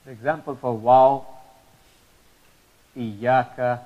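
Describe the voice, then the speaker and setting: A man's voice: mid-range voice, steady tone, slow, highs cut off. A man teaching Arabic pronunciation in a religious lesson, patiently repeating model sounds with many fillers.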